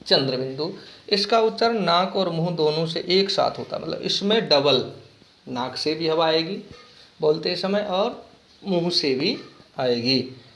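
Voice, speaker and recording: Male teacher, slightly high gravelly voice, patient question-and-repeat classroom delivery, echoey room. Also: animated, a bit bright. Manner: asks pupils questions and repeats key words slowly. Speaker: Hindi teacher. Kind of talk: classroom grammar lesson.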